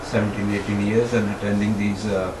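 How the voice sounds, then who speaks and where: A lower-voiced man speaks slowly, pausing often as he looks for words. He is heard from a distance in a reverberant room with a noisy background. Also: level tone. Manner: halting, searching for words. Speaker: discussion group member. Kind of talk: casual self-introduction. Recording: roomy, distant mic, background noise.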